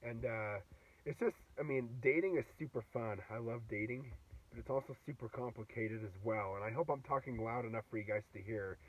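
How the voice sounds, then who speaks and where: A man's voice: mid-range voice, a little fast. A young man in his twenties talks into his phone from inside a car. His throat is still sore from a cold, and he rambles with plenty of fillers and restarts. The sound is dull and distant, as if the phone sits a little away from him. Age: 20s. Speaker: vlogger. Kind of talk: casual vlog monologue.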